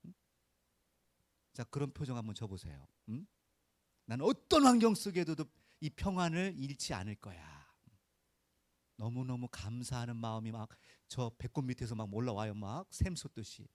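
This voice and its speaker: There's no room sound as a man of medium pitch and darkish tone preaches in a sing-song cadence at a moderate pace. His Sunday sermon is conversational and folksy, the pastor regularly putting brief rhetorical questions to the congregation and drawing out their answers.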